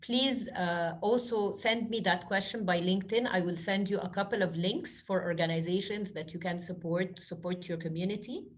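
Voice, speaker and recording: Speaking at a normal pace with hardly any pauses, this Egyptian woman gives flowing, sincere answers during a webinar Q&A. She's a guest speaker and social entrepreneur with a fairly low voice who frequently says "you know."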